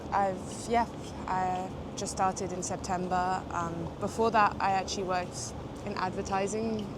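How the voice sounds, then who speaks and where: A woman's voice: mid-range voice, fairly even intonation, unhurried. A young woman from Portugal, French by first language, speaking English with a British-tinged accent in a casual street interview, chatty and hesitant with lots of fillers. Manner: chatty, hesitant with frequent fillers and small laughs. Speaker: interviewee, graduate student. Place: outdoors on a city street, traffic behind. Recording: outdoor street noise.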